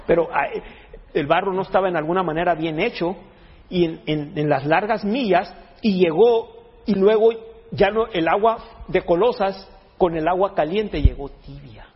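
A man's voice: fairly high pitch, slightly rough. A man preaching a sermon in a jokey, conversational way, often restarting his sentences. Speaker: pastor. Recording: long hall echo, dull lo-fi sound.

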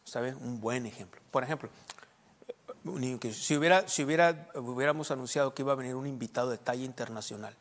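A male pastor delivers a sermon at a mid-range pitch. He keeps firing rhetorical questions at the congregation and answering them himself. The sound carries a long reverb from the hall around him. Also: fast.

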